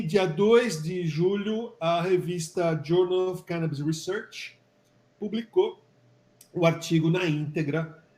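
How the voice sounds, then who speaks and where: A Brazilian doctor talks in a loose, chatty way on a video call, full of small fillers and restarts. His voice sits a little high for a man, and the room around him rings with echo. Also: a little mellow. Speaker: physician and study coordinator. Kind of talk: casual live webinar talk. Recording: echoey room.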